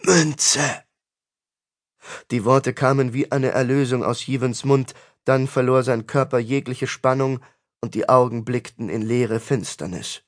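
A man narrates a fantasy audiobook in a measured, dramatic storytelling style. His voice is mid-range with fairly even intonation.

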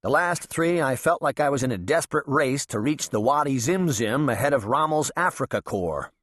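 A man's voice: mid-range voice, animated, normal speed, a bit bright, no echo, clean studio sound. A man narrating an audiobook in a wry, sardonic first-person voice. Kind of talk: scripted narration.

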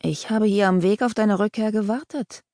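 A woman voicing a hooded male leper lord who taunts in a high, eerie singsong, in an audiobook reading. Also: moderate pace, darkish tone, no echo, studio quality, lightly acted. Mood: menacing. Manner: taunting, knowing.

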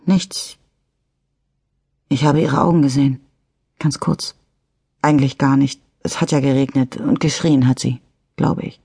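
A woman giving voice to a rattled middle-aged driver, husky, stammering, defensive, audiobook character, dry close sound. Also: a bass voice, steady tone, measured pace, long pauses, dark tone, dry recording, exaggerated voice. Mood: shaken. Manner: shaken, stammering, turning defensive. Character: nervous middle-aged male driver after a crash.

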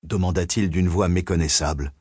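A man narrating a thriller audiobook in a measured, suspenseful reading. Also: low-pitched, steady tone, husky, no room sound, clean studio sound.

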